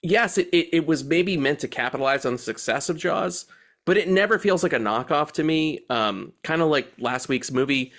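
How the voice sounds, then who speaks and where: A man's voice: a little high, expressive, moderate pace, a bit bright. A man hosting a podcast, talking casually about movies, laughing and swearing freely. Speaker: podcast host.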